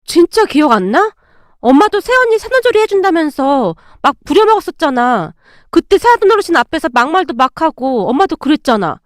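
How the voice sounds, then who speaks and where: Brief: a woman playing a frank, chiding young wife, high bright pitch, dry close sound. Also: big pitch swings, fairly quick, dry recording. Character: frank young married daughter.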